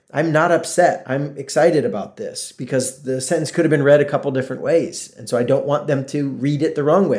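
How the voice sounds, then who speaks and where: Middle-aged guy doing his solo podcast, chatty, acts out what his friends would say. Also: medium pitch. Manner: animated, acts out quoted voices of friends. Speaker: podcast host. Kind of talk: casual solo podcast talk.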